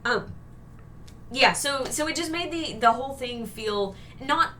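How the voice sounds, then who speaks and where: Sarcastic woman co-host, bright voice, mic set a bit far off with a faint rumble. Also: animated, unhurried. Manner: chatty, sarcastic, many fillers. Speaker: co-host reviewing a TV episode. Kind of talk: casual critical chat.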